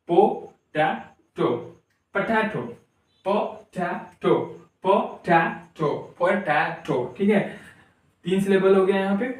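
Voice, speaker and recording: High-voiced man lecturing in an echoey room. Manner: repeats words slowly, syllable by syllable. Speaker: English teacher. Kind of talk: classroom lecture. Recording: very echoey room, mic far off.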